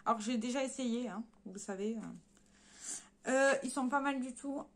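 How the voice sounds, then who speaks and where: A woman's voice: fairly high pitch, moderate pace. Chatty woman vlogger. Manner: chatty, hesitant with frequent fillers and self-corrections; addresses viewers directly while showing swatches. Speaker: beauty vlogger. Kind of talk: casual product haul.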